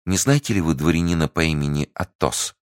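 A man's voice: extremely low pitch, a little fast, smooth, no echo, studio quality. A man voicing a timid, devoted young convent novice in love, speaking earnestly and trustingly. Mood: eager. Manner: earnest, trusting, easily startled.

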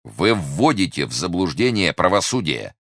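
A man's voice: low-pitched, big pitch swings, moderate pace, fairly bright tone, dry recording, studio quality, pitched above the performer's own voice, full character voice. A man voicing an irritable, officious police commissioner who accuses and barks orders. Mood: accusing. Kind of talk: audiobook character reading.

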